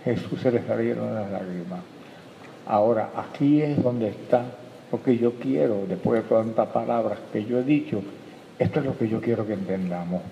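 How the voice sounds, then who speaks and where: Impassioned preacher in an echoey hall. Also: male voice, lowish voice, normal speed, gravelly, a little hiss or hum. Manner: impassioned preaching, rising to loud peaks; addresses listeners as brother. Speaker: pastor. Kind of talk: sermon. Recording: echoey hall, dull lo-fi sound.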